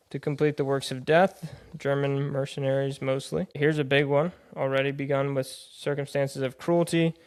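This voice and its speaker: A man's voice: medium pitch, darkish tone, clean tone. A man hosting a podcast, reading aloud from a text and explaining it in a casual, conversational way, often paraphrasing loosely. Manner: plain-spoken, conversational, paraphrases with "hey" and "they're like". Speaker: podcast host.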